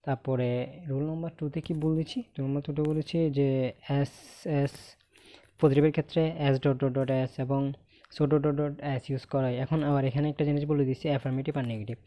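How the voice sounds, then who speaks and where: Fast-talking Bangladeshi man teaching grammar. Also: medium pitch, steady tone, warm tone. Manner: asks the class questions and answers them himself; ends points with a checking "okay?". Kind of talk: recorded online lesson.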